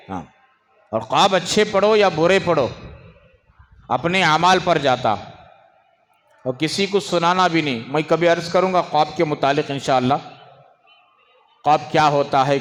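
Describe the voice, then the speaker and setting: A man preaching an Islamic sermon, swinging between raised, emphatic phrases and low asides, and stopping to hush restless children. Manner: scolds and hushes children in the audience. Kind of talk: religious sermon. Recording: long hall reverb.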